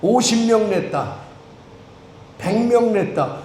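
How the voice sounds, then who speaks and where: Male priest, high voice, chatty joking sermon, roomy church sound. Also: expressive. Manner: conversational, joking with the congregation, quick swings between loud and soft. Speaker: Anglican priest. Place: church sanctuary. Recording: echoey church with faint room noise.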